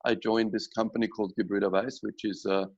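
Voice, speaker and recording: A man's voice: fairly low pitch, level tone, fast talker. A man from Austria, introducing himself chattily with light humor on a webinar panel, over dull lo-fi call audio. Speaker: regional logistics director, panel guest.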